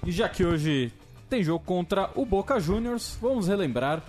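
Male Brazilian co-host, casual talk, lively pitch movement, faint music in the background. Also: normal speed. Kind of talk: casual chat.

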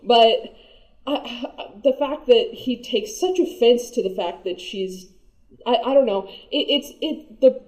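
A woman talks through a casual podcast chat with a mellow, warm tone. Her voice sits fairly high. She restarts often, laughs easily and swears casually. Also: measured pace, low-quality recording. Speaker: podcast co-host. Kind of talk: casual chat reviewing an anime.

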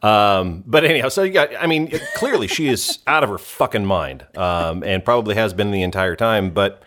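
A man co-hosting a casual podcast, giving a halting, opinionated take with lots of swearing and ums. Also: lowish voice, animated, fairly bright tone. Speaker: podcast co-host. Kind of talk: casual chat.

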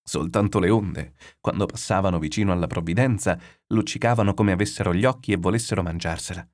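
Low-voiced man reading a novel aloud. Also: quick pace. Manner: steady, descriptive storytelling. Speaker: narrator. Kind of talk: literary read-aloud narration.

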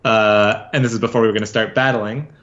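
A man's voice: on the low side, brisk, muffled recording. A man who is a podcast guest, casually telling a story with lots of filler words. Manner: storytelling, relaxed with many fillers.

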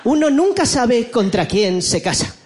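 A man's voice: very high voice, sing-song, unhurried, a little mellow, slight background noise. A middle-aged man with a Spanish accent from Spain, performing a stand-up comedy set in a mocking, exaggerated way and slipping into voiced impressions. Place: comedy club stage with a live audience. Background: audience laughter.

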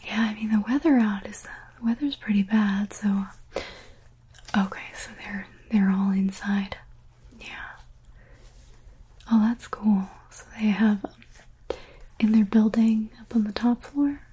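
A young woman whispering softly and reassuringly, in a whispered medical roleplay as a paramedic. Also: mid-range voice, fairly even intonation, slow pace, long pauses, a little hiss or hum.

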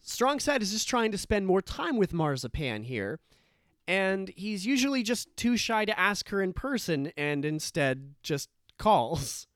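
A man's voice: sits high, sing-song, a little slow, fairly bright tone, dry recording, clean studio sound. A man co-hosting a podcast in casual chat, explaining things and thinking aloud with restarts. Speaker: podcast co-host.

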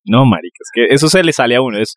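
Colombian man, middle pitch, loose joking co-host banter, dry phone recording. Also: expressive, rapid-fire, no echo. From Neiva, Colombia. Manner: joking, slangy, rambling. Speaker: podcast co-host. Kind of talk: casual chat.

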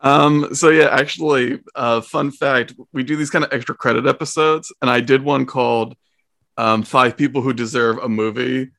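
A man with a gravelly voice co-hosts a casual podcast chat. He talks hesitantly, full of ums and likes. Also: medium pitch, steady tone, normal speed, fairly bright tone. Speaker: podcast co-host.

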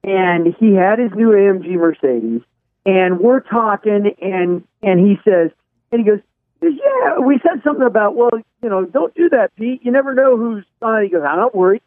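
High-voiced man on tinny radio. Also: lively intonation, normal speed, no echo. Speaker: radio show host. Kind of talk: casual radio talk. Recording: phone-like radio sound.

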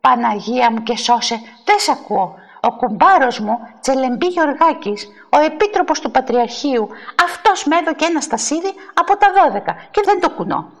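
A haughty woman who waves off her rival and refuses to give up her seat, played by a woman reading aloud. Her voice is raised and sits high. The sound carries a long hall reverb. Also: big pitch swings, hardly any pauses, full character voice. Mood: dismissive. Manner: dismissive, pretends not to hear. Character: haughty woman stubbornly keeping the pew.

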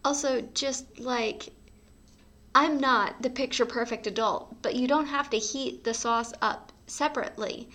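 A woman's voice: a little high, unhurried, bright, forceful tone. A woman co-hosting a casual book podcast, talking in an informal, opinionated, conversational way. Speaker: podcast co-host.

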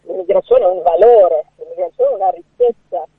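A middle-aged woman speaking haltingly as an association representative in a live radio interview over a poor phone line. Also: on the low side, slightly rough, no room sound. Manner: halting, repeats words. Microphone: phone call. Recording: muffled phone line, hard to hear.

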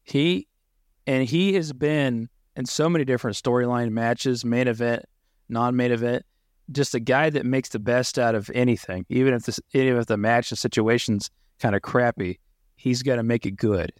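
A man's voice: medium pitch, moderate pace, no echo, studio quality. Enthusiastic male podcast co-host. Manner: enthusiastic, reads out title history. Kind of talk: casual podcast chat.

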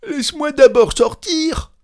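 A shrieking trapped cantor. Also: male voice, unhurried. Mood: panicked. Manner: shrill, pleading. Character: screeching terrified male church cantor stuck in a chest.

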